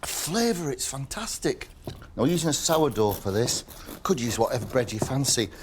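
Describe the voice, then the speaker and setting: A man's voice: mid-range voice, big pitch swings, normal speed, slight background noise. A middle-aged man hosting a cooking show, enthusing over the food as he makes it. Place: kitchen. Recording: music bed under speech.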